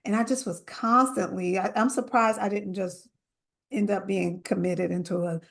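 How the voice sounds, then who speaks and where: A woman's voice: mid-range voice, normal speed, gravelly. Emphatic woman author talking candidly. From New Jersey, USA. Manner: earnest, emphatic, quotes others in animated voices. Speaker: author guest. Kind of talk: interview conversation.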